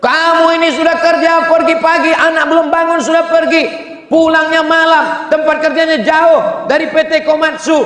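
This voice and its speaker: A man voicing an angry husband who nags and scolds his wife in a shrill, raised voice. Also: little pitch movement, normal speed, a bit bright. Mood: scolding. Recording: echoey hall with background noise.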